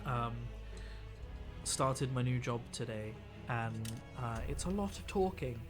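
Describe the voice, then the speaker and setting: Over music, a young man streaming his miniature painting talks slowly in an expressive, mid-range voice. It's tired, rambling chat, full of restarted sentences, from someone whose voice is worn from a week of talking.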